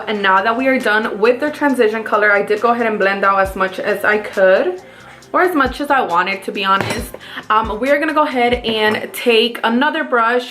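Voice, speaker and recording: A woman's voice: a little high, a bit bright. A woman with a Mexican accent, chatting casually through a makeup tutorial as a beauty vlogger and talking viewers through each step.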